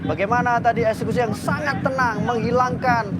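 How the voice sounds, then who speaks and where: A man analyses a football match live as co-commentator. His voice is high and he talks quickly. Loud noise fills the broadcast behind him. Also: steady tone, a loud crowd. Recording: very noisy live stadium broadcast.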